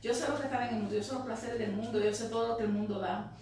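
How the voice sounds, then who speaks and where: A woman's voice: on the high side, steady tone, racing, a little mellow. Fervent woman testifying in church. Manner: fervent, breaks into praise, frequent "right?" fillers. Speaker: church member giving testimony. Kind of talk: spoken religious testimony. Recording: very echoey, distant mic, faint noise.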